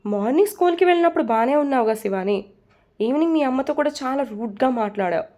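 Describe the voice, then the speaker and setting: A woman's voice: sits high, lively intonation, fast, warm tone. A woman voicing an irritable married man who presses his wife for answers, speaking firmly. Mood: pressing. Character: irritable married man, quick to shout, then soothing.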